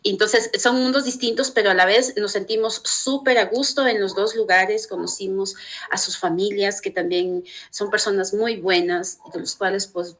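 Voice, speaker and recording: A middle-aged woman from Ecuador with an Ecuadorian Spanish accent, telling family stories as an interview guest, warm and full of restarts. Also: medium pitch. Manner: warm storytelling with many restarts. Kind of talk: casual interview talk.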